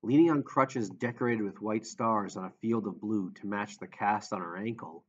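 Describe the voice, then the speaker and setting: A man reading an audiobook in a steady, measured narration. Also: fairly low pitch. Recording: dull lo-fi audio.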